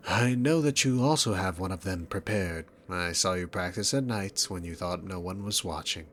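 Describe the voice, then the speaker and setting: Here the sarcastic demon king is a man's low, slightly bright voice at a moderate pace, with a little background noise. He talks to the listener in an ASMR roleplay, dominant and smug, full of mocking, theatrical condescension.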